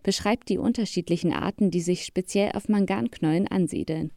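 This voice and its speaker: Female narrator, scripted nature documentary delivery. Slightly low, warm timbre, close dry sound. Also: fairly quick, vocal fry, no echo. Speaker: narrator of a science report.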